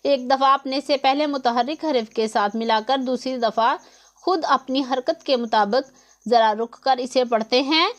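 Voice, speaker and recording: A woman whose voice sits high speaks at a normal speed during a slow tajweed lesson. Recorded near the mic, she patiently goes through each letter of Quran recitation and how long it should be held.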